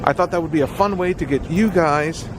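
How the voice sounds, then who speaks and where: A man with a fairly high voice chats casually to viewers as a theme park vlogger. He is outdoors in an amusement park, with clear background noise. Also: fairly quick. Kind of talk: casual vlog talk to viewers.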